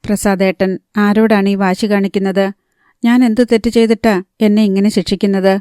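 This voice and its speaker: A woman narrator voicing a troubled young married woman, soft-spoken and then firm, in an even, clear reading voice. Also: mid-range voice, normal speed, dry recording, studio quality, close to an everyday voice. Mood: pressing.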